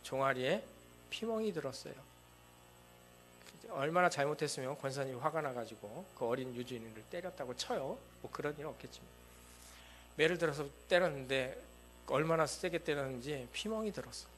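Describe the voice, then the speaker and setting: A man's voice: on the high side, animated, brisk, fairly bright tone, slight background noise. A male pastor preaching a sermon in a church. He speaks emphatically and keeps asking the congregation rhetorical questions. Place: church sanctuary.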